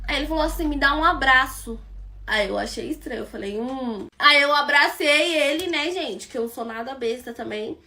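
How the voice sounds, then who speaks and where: A woman's voice: sits high, brisk, few pauses, sharp tone. A young Brazilian woman with a Brazilian Portuguese accent, chatting casually as she tells her followers a story, gossipy and addressing them like friends.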